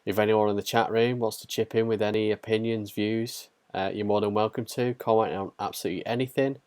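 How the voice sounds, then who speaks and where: Low voiced guy rambling through a podcast intro, easygoing, dry mic. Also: brisk, clear, resonant tone, no room sound. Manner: relaxed, rambling with fillers. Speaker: podcast co-host. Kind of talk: casual livestream chat.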